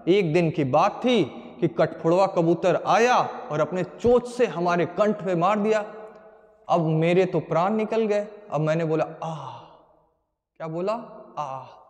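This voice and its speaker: A high-pitched male tutor gives an exam-coaching lesson. He talks emphatically, repeats key points and quizzes his students as he goes. His voice rings out in a room with a long echo. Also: a little mellow. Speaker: Hindi grammar teacher.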